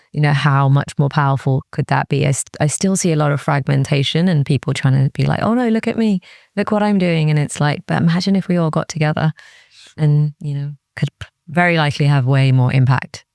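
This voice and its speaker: This woman has a deep, slightly mellow voice with vocal fry, captured in a dry, studio-quality recording. She's a Cardiff, Wales music industry executive appearing as an interview guest, talking candidly, seriously and reflectively, often saying "like" and quoting her inner thoughts.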